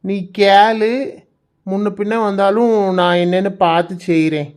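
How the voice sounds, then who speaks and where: A woman voicing an easygoing middle-aged village husband in a cartoon, slow and placating, with a Kanyakumari Tamil accent. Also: medium pitch, a little mellow, lightly acted. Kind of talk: cartoon voice acting.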